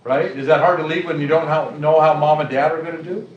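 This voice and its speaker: A man's voice: a little high, steady tone, quick pace, recorded from a distance, dull audio, crowd noise. Man leading talk in an echoey room. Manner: conversational, leads the discussion. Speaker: presenter. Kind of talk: Q&A discussion. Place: conference room.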